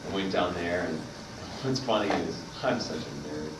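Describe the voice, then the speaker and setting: A panel guest at a convention rambles through a long story, full of fillers. His voice is low and animated at a normal pace. He's picked up from far away in an echoey hall, with plenty of noise.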